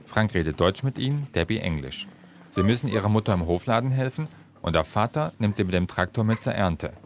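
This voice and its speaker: A man narrating a scripted radio feature in a calm, measured way. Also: lowish voice, a little hiss or hum. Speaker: reporter.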